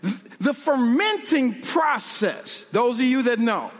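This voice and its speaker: A pastor preaching a humorous, conversational sermon, slowing down and building to shouts on key points. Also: male voice, very high voice, animated, long reverb tail.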